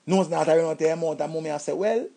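Gravelly, husky Jamaican man telling stories. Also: on the high side, very fast. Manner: animated, acts out voices, shouts and laughs. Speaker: comedic storyteller. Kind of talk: comic storytelling.

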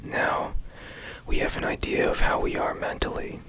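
A man leads an ASMR-style meditation in a soft, breathy whisper, giving gentle, soothing instructions at normal speed. He's close to a studio microphone.

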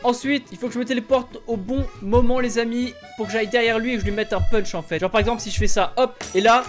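A young man in his twenties hosts a gaming video in a high voice. His commentary is animated and slangy, full of exclamations and swearing. Music plays behind him. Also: fast talker. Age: 20s. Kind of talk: excited let's-play commentary. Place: small room at home.

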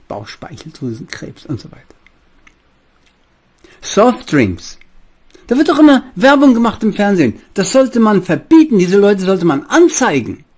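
Older man, preachy monologue, husky voice, pitch swings a lot. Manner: preachy, lively, addresses listeners as "meine Lieben". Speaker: spiritual speaker and author.

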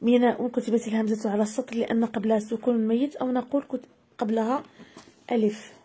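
A woman teaching a grammar lesson, spelling out example words slowly and deliberately. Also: fairly high pitch, steady tone, mellow, breathy edge. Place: video lesson voice-over.

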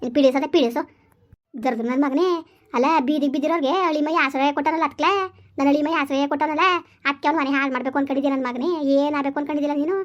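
Brief: woman cast as an enraged village mother, high voice, torrent of curses, dull lo-fi sound. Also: fairly even intonation, very fast, natural voice. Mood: furious scolding. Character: furious village mother scolding her grown son. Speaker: actor in a village comedy drama series. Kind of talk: rural comedy drama acting. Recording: dull lo-fi recording.

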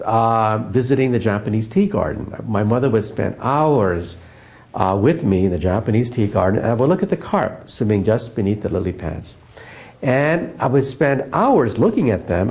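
A man from the United States, a physicist guest in an interview, explaining science as an animated, emphatic storyteller. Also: medium pitch, normal speed, vocal fry.

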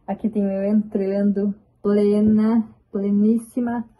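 A woman vlogger chatting excitedly as she shows her photo album, with drawn-out exclamations. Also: medium pitch. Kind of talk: casual chat showing a photo album. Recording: tinny, phone-like sound.

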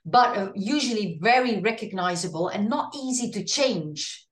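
A woman with a medium-pitched voice and a Dutch accent talks at a moderate pace on a roomy-sounding video call. She's a singer being casually interviewed from a room at home via an earphone headset, lively, gesturing with her hands, and often restarting.

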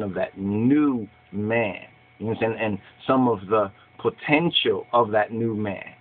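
A middle-aged man preaching and commenting on scripture in Rastafarian speech, emphatic and repeating his phrases, recorded on a webcam in a small room. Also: on the low side. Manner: Rasta speech, saying "I and I" and "Jah"; emphatic, repeating phrases, checking "you understand". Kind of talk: sermon with scripture reading and commentary. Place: small cluttered room indoors. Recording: thin phone-like webcam sound.

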